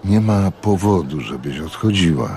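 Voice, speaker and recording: A man voicing a gentle, indulgent husband with a soothing, patient manner in a radio audiobook reading. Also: deep voice, animated, normal speed.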